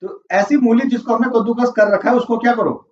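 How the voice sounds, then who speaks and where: A man's voice: very high-pitched, steady tone, a little fast, background noise. A man teaching a vocabulary lesson, quizzing the class and repeating their answers. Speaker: English teacher. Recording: roomy, distant, dull classroom audio.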